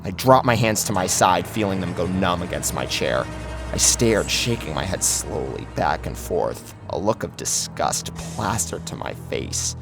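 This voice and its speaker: This deep-voiced man is very animated yet keeps a measured pace as he narrates a first-person horror story with intense, theatrical, scripted delivery. Music plays clearly under his narration.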